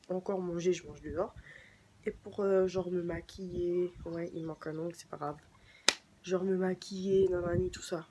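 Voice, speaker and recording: Playful young woman, chatty vlog. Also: noisy background. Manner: chatty and playful, with sudden jumps in pitch. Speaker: vlogger. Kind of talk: casual talk to camera.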